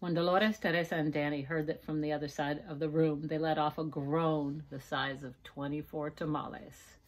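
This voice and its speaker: A woman with a low-pitched voice reads a storybook to children. She narrates expressively and dramatically, as a teacher would, drawing her listeners in. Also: flat delivery. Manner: dramatic, pausing to ask listeners questions. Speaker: teacher reading aloud to children. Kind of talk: expressive storybook read-aloud.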